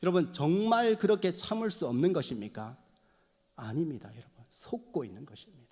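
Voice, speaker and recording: A man's voice: a little high, animated, brisk, darkish tone, breathy edge. A man preaching a sermon as pastor, earnestly and repeatedly addressing the congregation. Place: church sanctuary. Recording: long church hall reverb.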